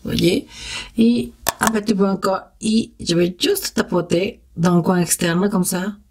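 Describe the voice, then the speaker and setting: A woman with a Spanish accent, Spanish being her first language, hosts a step-by-step makeup tutorial, chatting encouragingly straight to her viewers and making little "tac" sounds as she works. Her voice is medium-pitched, gravelly, husky, and darkish, at a measured pace.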